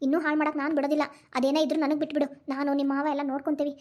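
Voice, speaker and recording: A woman's voice: sits high, flat delivery, very fast, a little mellow, natural voice. A woman voicing a tearful, protective mother in a cartoon, with a North Karnataka Kannada accent. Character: grieving mother reunited with her son. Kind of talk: cartoon voice acting.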